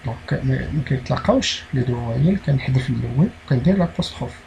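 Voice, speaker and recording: A man with a Moroccan accent, teaching a primary school French lesson, explaining slowly and repeating key words. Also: mid-range voice, lively intonation, creaky, a little mellow, a little hiss or hum, rough recording.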